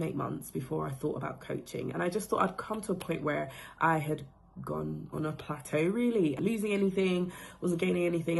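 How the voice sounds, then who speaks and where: A woman's voice: fairly low pitch, creaky, darkish tone. A woman in her thirties from the Democratic Republic of Congo giving a casual, reflective testimonial about being coached, her phrasing loose and full of fillers. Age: 30s.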